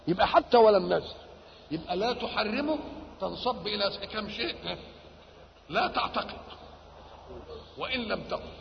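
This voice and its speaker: A man's voice: high-pitched, gravelly, slight background noise. An older man with an Egyptian Arabic accent explains scripture, asking rhetorical questions and answering them himself. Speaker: Quran commentator. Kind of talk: Quranic exegesis lecture. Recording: dull lo-fi archival tape with reverb.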